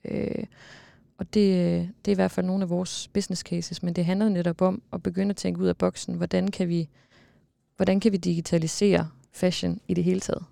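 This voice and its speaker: A man's voice: high voice, little pitch movement, gravelly, mellow, dry recording, clean studio sound. A man speaking as a guest in a panel discussion, breaking his sentences with fillers. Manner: halting, frequent fillers. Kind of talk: casual panel talk.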